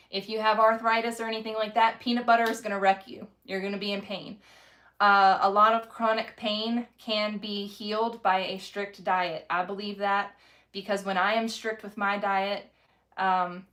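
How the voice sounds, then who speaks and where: A woman in her thirties talks to her viewers in a relaxed home vlog. She is candid and rambling, often laughing at herself. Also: medium pitch. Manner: candid, rambling, self-deprecating, acts out quoted lines. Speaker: vlogger, mother of five. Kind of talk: casual chatty vlog. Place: home kitchen.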